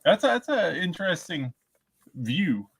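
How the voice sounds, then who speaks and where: A man's voice: high-pitched, big pitch swings, vocal fry, fairly bright tone, husky. Hesitant man in casual movie chat. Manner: hesitant, many fillers and pauses. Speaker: podcast co-host. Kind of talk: casual film commentary chat.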